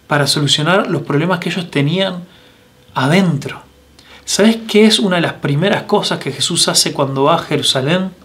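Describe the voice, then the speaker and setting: A man's voice: a little high, a bit bright. A man with a Rioplatense Spanish accent preaching a sermon as pastor, earnest, asking listeners direct questions with frequent restarts and fillers. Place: church broadcast, recorded for online meeting.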